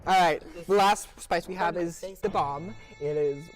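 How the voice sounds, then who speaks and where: A student co-hosting a school live stream, briskly announcing each sauce and question. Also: mid-range voice. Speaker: student co-host. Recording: live stream with music behind.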